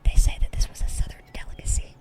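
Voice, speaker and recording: Proud and excited, this woman plays a goofy, loving demon girl in whispered ASMR, eagerly rambling and saying things twice. Her pace is quick and her acting light.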